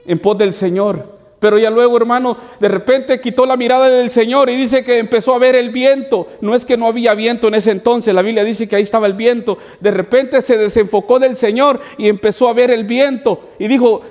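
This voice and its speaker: A man's voice: extremely high pitch, fairly even intonation, a little fast, a little mellow. A man preaching as a pastor, addressing the congregation as brothers and asking rhetorical questions. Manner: preaching with repeated "hermanos" asides and rhetorical questions. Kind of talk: sermon. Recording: long hall reverb.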